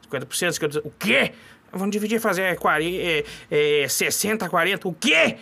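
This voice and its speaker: A man's voice: sits high, lively intonation, fairly quick, gravelly, sharp tone, full character voice. A man voicing a nervous, rambling young male ranch hand in a comedy sketch, stammering and repeating himself.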